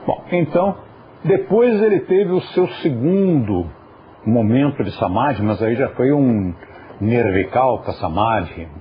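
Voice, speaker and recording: A man teaching a recorded class, explaining things with patience and speaking now and then straight to viewers at home. His voice sits at a middle pitch. The recording is muffled and lo-fi, with a faint hiss behind it. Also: animated, a little slow. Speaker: yoga teacher. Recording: dull lo-fi recording.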